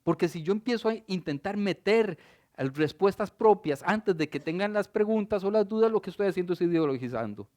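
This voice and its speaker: A middle-aged male pastor, preaching an expressive sermon and asking the congregation questions. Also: high voice, brisk.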